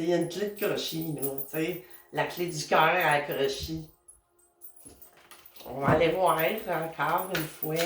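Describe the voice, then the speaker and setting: Québécois woman, unhurried chatty card reader, a bit low, roomy distant recording. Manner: chatty and meandering, many fillers and asides to her spirit guides. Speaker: tarot and oracle card reader. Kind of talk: casual spiritual card reading.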